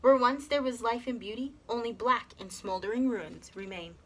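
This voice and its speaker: A woman's voice: a little high, normal speed, voice pushed up, close to an everyday voice. A woman voicing a pleading toucan from a storybook, squawking an emphatic warning. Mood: urgent warning. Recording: clear background noise.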